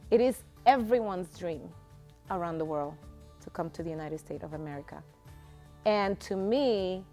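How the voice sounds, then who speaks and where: A middle-aged woman, giving a personal testimony in a passionate, emphatic way. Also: mid-range voice. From Dominican Republic. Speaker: guest.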